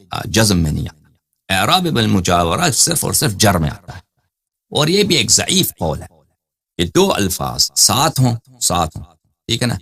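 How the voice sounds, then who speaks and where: A husky-voiced male scholar lectures with a lively, swooping pitch that climbs on his rhetorical questions. He answers each one himself and reads out citations from texts. His delivery is that of a teacher walking listeners through a dense argument. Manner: fires rhetorical questions, then answers them; cites texts and reads out page numbers. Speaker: religious scholar.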